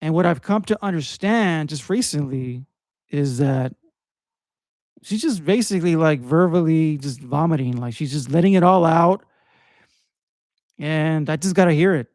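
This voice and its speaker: A man's voice: a little high, animated, a little slow, pauses often, darkish tone, no echo. A man in his thirties co-hosting a podcast, speaking in a reflective, hesitant way and often stopping to restart his thoughts. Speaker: podcast co-host. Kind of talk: casual conversation.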